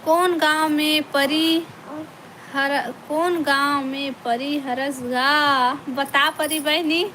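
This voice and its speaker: A woman's voice: high voice, fairly even intonation, very slow, pushed and bright, a little hiss or hum. A woman with a Chhattisgarhi accent, hosting a casual live stream from home and chatting with viewers by name as she reads their comments. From Chhattisgarh, India.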